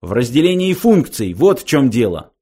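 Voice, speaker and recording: A man's voice: medium pitch, sing-song, moderate pace, mellow, breathy edge. A man voicing an indignant older male philosopher, pompous and easily exasperated.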